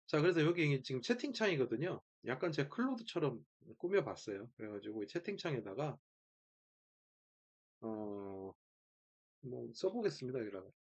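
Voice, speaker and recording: Speaking at normal speed in a medium-pitched, sing-song voice that is slightly rough, a man runs through an informal screen-share demo step by step. He thinks aloud in short bursts and keeps repeating key words, captured with dull sound.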